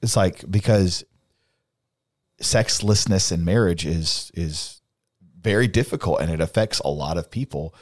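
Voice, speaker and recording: A man's voice: sits low, measured pace, a little mellow, no room sound, clean studio sound. A man who is a therapist, talking earnestly on a podcast and thinking aloud with frequent restarts. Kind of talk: casual podcast discussion.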